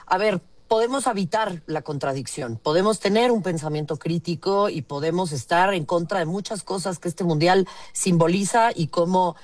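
A woman's voice: on the low side, moderate pace, few pauses, a little mellow, dry recording. A woman with a Mexican accent, a panelist building a reflective argument in long sentences. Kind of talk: opinion panel discussion.

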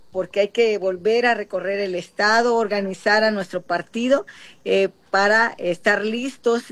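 A woman with a Mexican coastal accent, a politician answering interview questions in a measured way with many pauses. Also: medium pitch, no echo. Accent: Mexican, from the Guerrero coast. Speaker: interviewed senator and candidate.

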